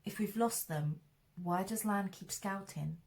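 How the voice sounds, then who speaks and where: A woman's voice: medium pitch, a little slow, darkish tone, voice pushed up, close to an everyday voice. A woman voicing a practical young male villager who questions doubtfully.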